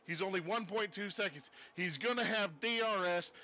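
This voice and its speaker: A man commentating a sim race in a put-on Texas accent, folksy and excitable. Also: sits high, normal speed, dull audio, a little hiss or hum.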